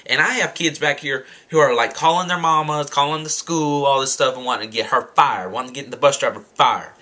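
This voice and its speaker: A young man in his late teens telling a story in a casual rant, animated and exasperated. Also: medium pitch, fairly quick. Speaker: vlogger.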